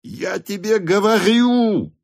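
A man voicing a hot-tempered male cavalry officer who shouts and blusters. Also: fairly high pitch, expressive, unhurried, pitched above the performer's own voice. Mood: fierce.

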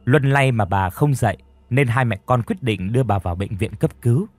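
Brief: male audiobook narrator, husky and expressive, dry close sound. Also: mid-range voice, a little fast, no room sound. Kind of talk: dramatic story narration.

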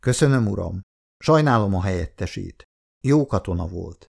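A man's voice: low-pitched, lively intonation, gravelly, full character voice. A man reading the lines of a commando major who answers in formal, clipped replies. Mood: respectful. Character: loyal male commando major, formal and respectful.

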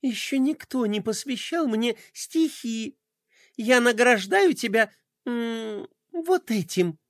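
A man's voice: very high voice, animated, slow, dry recording, studio quality, voice pushed up, exaggerated voice. A man voicing a cheerful young moon princess girl in a storybook reading, bubbly and gushing. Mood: touched.

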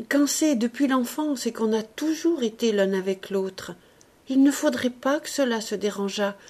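A frail, feverish young woman who speaks softly and calmly, as a woman reader voices her. Her delivery is slow and hushed, with a breathy quality. It sounds like a classic novel read aloud. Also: on the high side.

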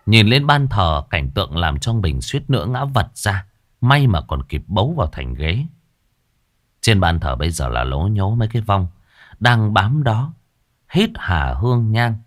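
A man narrating a ghost story in a dramatic, expressive way. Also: lowish voice, measured pace, no echo, studio quality.

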